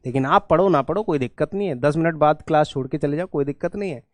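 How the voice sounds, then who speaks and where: A middle-aged Indian man who teaches English explains exam idioms in an online class, switching between English and Hindi and jokingly scolding and teasing his students. His voice is a little high, he talks fast, and there is no room sound.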